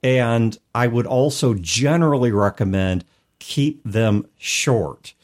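Speaking slowly at a medium pitch, this man co-hosts a podcast's casual chat on tabletop role-playing. He makes his points through everyday analogies.

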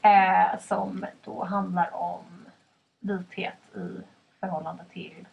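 A woman's voice: lowish voice, steady tone, creaky. A young woman from Stockholm, co-hosting a podcast in a chatty, casual way, asking the questions with plenty of fillers. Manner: chatty, fillers like "liksom" and "så här", drives the questions. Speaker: podcast co-host. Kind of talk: casual chat. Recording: dull lo-fi with faint background noise.

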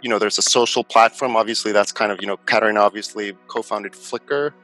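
A man's voice: lowish voice, steady tone, fast talker, sharp tone, faint music behind, low-quality recording. A middle-aged man from Finland, answering interview questions in a thoughtful way, with many fillers and restarts. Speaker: venture investor guest.

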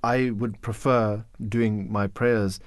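A radio show host whose parents are from Pakistan and whose mother tongue is Urdu leads a casual discussion in a fairly low, fairly even voice at a slow pace. He often hesitates and restarts, and ends points with tag questions. The sound is clean studio audio with no room sound.

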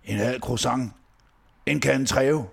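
Gravelly, creaky man telling comic tales. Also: mid-range voice. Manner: slangy and profane. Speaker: podcast co-host reading a satirical diary. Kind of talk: comic storytelling with casual asides.

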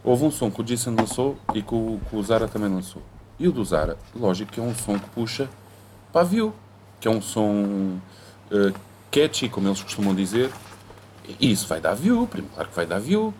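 A man's voice: fairly low pitch, big pitch swings, fairly quick, a little mellow, slight background noise. A young man, bantering casually with a friend in insistent slang, swearing freely. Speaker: rapper.

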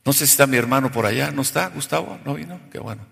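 A man preaching a sermon in a church. He asks the congregation questions, has them call back the answers, and swings from soft to loud. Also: mid-range voice, fast talker, gravelly, breathy edge. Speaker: pastor. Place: church hall. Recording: long reverb of a large hall.

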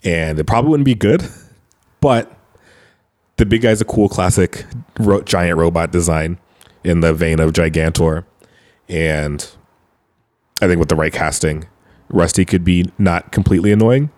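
A man with a very low voice talks casually through a podcast conversation. He rambles and loops back on himself, stacking up filler words as he works through an idea. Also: unhurried, long pauses, darkish tone. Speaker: podcast co-host. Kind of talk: casual chat.

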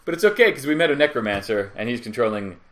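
Animated, laughing male storyteller. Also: quick pace. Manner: animated storyteller, acts out quotes in high voices, laughs often. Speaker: podcast guest, writer and actor. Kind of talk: casual podcast chat.

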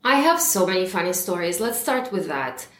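A woman's voice: fairly low pitch, very animated, moderate pace, roomy sound. A woman in her thirties from Romania, a guest on an interview podcast, telling her story in a chatty way with frequent laughs. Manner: warm and chatty, laughs often, uses fillers.

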